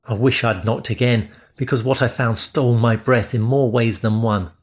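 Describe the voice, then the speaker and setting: A man reading first-person romance narration in a steady, measured way. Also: mid-range voice. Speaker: audiobook narrator.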